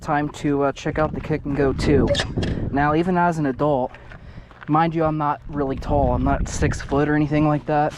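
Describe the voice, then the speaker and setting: A man's voice: fairly high pitch, fairly even intonation, moderate pace. A young man vlogging outdoors in a casual, chatty and upbeat way, a bit out of breath. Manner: upbeat, chatty, laughs often. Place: outdoors on pavement. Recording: outdoor noise behind.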